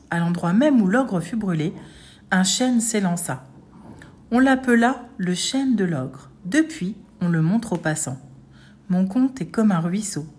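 Woman storyteller, even read-aloud folk tale narration. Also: mid-range voice.

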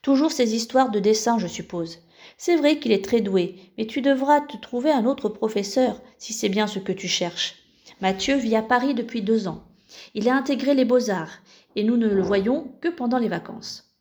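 A woman's voice: fairly high pitch, animated, moderate pace, a little mellow, lightly acted. A woman reading the lines of a kindly, courteous woman in her fifties in a storybook.

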